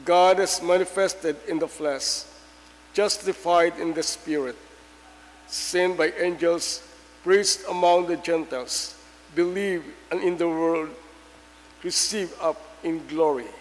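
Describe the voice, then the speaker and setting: A man's voice: on the high side, fairly even intonation, takes it slowly, a little hiss or hum. A man reading scripture and a responsorial psalm as lector in a church. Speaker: lector at Mass. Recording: long church reverb.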